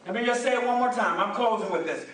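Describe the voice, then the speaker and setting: A male preacher delivers a booming motivational sermon in an extremely high, straining register. He hammers phrases by repeating them for listeners to echo. The sound is heavily reverberant and picked up at a distance. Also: fast. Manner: shouts emphatically, repeats phrases for the congregation to echo. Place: large echoing room with responding congregation. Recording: very echoey hall, distant mic.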